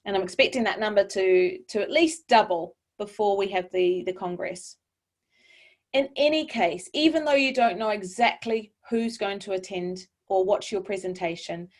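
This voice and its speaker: Clear-spoken New Zealand woman presenting. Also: fairly high pitch. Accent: New Zealand, softened by years in Europe. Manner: clear, measured and encouraging. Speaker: webinar presenter. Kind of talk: online presentation coaching.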